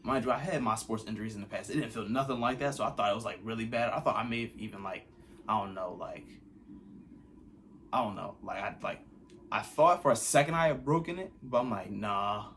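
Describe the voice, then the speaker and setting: A man's voice: fairly low pitch, fairly quick, fairly bright tone, a little hiss or hum. Laid-back young man telling a story. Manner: laid-back slangy retelling. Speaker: vlogger. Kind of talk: casual storytelling.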